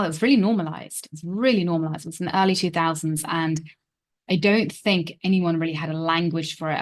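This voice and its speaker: A woman in her thirties, a relationship coach, telling her life story in a reflective way full of fillers. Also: fairly low pitch. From England. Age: 30s. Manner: reflective, hedging with many fillers. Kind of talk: personal story monologue.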